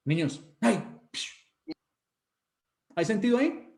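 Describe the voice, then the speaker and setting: A man with a Colombian Spanish accent teaching an online class, joking and animated, sometimes putting on mocking voices. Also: high voice, slow, vocal fry, roomy sound. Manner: joking, animated, mocks students with put-on voices.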